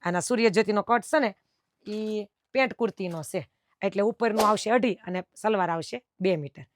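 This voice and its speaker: A woman's voice: mid-range voice, normal speed, a little hiss or hum. A middle-aged woman who runs a dress fabric shop, chatting at length to camera about fabric cuts and quoting her customers. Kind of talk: casual talk to camera explaining fabric cuts.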